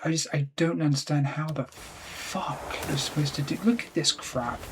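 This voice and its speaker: A man's voice: a little high, steady tone, moderate pace, background noise. Exasperated swearing gamer man. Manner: exasperated, swears constantly, talks to himself. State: frustrated. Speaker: let's play gamer. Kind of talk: gameplay commentary.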